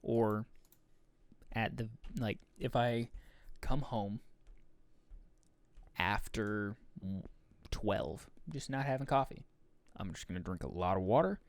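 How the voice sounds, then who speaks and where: A man's voice: lowish voice, slow, long pauses, no room sound. A young man hosting a solo podcast, rambling loosely through a casual monologue, swearing often and correcting himself as he goes. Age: young adult. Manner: rambling, loose and profane, with many fillers and self-corrections. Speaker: podcast host.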